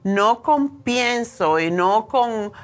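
This nutrition show host, a woman from Cuba in her sixties, speaks with a Cuban Spanish accent in a rather high, expressive voice that stretches words out. Her health talk is informal and opinionated, with plenty of hesitations.

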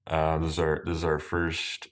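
A man's voice: rumbling low, completely flat delivery, normal speed. A man with a stuffed-up, nasal voice chatting casually as a podcast host in a dry, rambling, joking way. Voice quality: stuffed-up, nasal voice from a deviated septum. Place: at home in an apartment.

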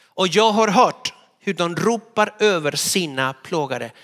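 A high, bright male voice delivering a sermon. He preaches in an animated storytelling way, sometimes acting out the people in his stories. A long church reverb trails behind his words. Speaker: pastor.

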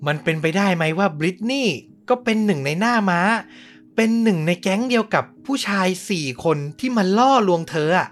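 A man's voice: high voice, animated, brisk, faint music behind, voice pushed up. A man putting on a frightened, suspicious woman. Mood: suspicious, alarmed. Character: frightened drugged young woman, suspicious and desperate.

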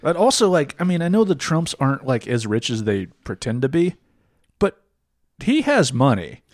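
A man's voice: medium pitch, sing-song, normal speed. A man co-hosts a podcast in casual chat, ranting bluntly and swearing often. His voice sits mid-range, and the sound is dry, with no room echo. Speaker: podcast co-host.

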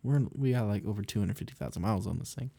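A man talks in a loose, rambling way, full of fillers and little laughs. His voice sits low and has a warm, mellow color. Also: racing, gravelly. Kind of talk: casual chat.

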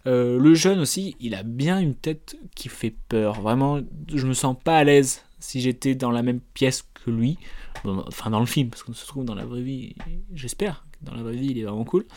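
A man's voice: mid-range voice, normal speed, darkish tone. A man, reviewing films in a casual, rambling way with many fillers and restarts. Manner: rambling, hesitant, with many fillers and self-corrections. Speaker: film reviewer.

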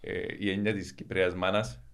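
A man's voice: deep voice, level tone. A man with a Cypriot Greek accent chatting casually as a guest on a podcast. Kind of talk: casual chat.

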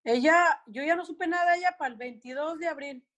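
Anguished high-voiced mother. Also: fairly quick, a bit bright. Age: middle-aged. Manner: anguished, recounts dialogue with quoted voices. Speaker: mother of a missing soldier, guest. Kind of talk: emotional radio interview.

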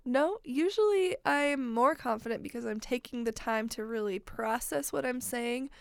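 High-pitched woman with uptalk. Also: normal speed, gravelly, clear, resonant tone, dry recording, clean studio sound. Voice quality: uptalk, rising phrase endings. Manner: sassy in a smiley way. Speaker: podcast co-host. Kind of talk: casual chat.

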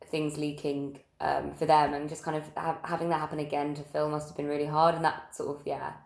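Low-voiced woman podcast co-host. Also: monotone, brisk, vocal fry, darkish tone. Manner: informal, hedging with "like" and "kind of". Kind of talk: casual chat. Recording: roomy echo.

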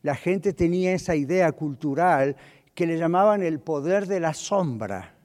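Middle-aged pastor, animated sermon delivery, slightly high voice, echo of a large hall. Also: male voice, unhurried. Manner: animated preaching with rhetorical questions. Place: church hall. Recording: long hall reverb.

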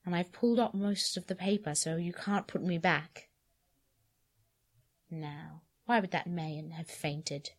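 Expressive low-voiced woman reading aloud. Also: a little slow, husky. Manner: expressive, shifting from hushed to cries. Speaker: podcast host and reader. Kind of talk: dramatic reading of a story.

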